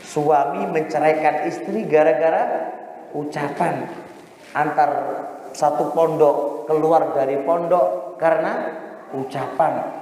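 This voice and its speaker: A man preaching a sermon, lively, chanting verses and calling his listeners sir. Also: a little high, takes it slowly, pauses often. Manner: lively preaching, sung Quran verses, addresses audience as Pak. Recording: very echoey hall.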